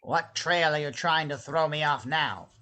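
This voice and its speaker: An actor playing a suspicious, self-pitying old evil scientist in a script read-through, imperious and guilt-tripping. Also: male voice, fairly high pitch, a little slow, sharp tone. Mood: impatient, suspicious. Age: older.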